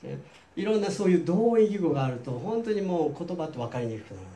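A man's voice: on the high side, expressive, fast talker, warm tone. A man from Japan with a Japanese accent, preaching a sermon and restating each point himself in a second language, chatty and asking his audience questions. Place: church hall in Seattle.

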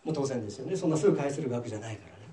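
A man preaching a sermon as pastor, telling a parable in a lively storytelling way. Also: mid-range voice, very fast, reverberant, recorded from a distance, a little hiss or hum. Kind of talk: sermon with English interpretation.

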